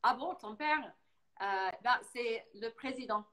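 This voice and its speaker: An American woman from Boston, speaking with her American English accent as a guest on a casual live talk. She tells her stories with animation and drops English words into her speech. Her voice sits a little high. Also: takes it slowly, sharp tone, poor audio. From Boston, United States.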